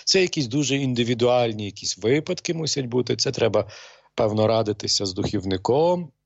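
A middle-aged man, a priest, talking slowly and hesitantly with many pauses and fillers. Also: medium pitch, expressive, creaky, breathy edge, dry recording, muffled recording. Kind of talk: calm talk show conversation.

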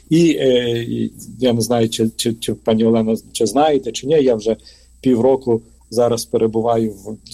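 A man's voice: medium pitch, warm tone. A priest from Ukraine, a man, answering interview questions in a hesitant way, with frequent filler sounds and restarts.

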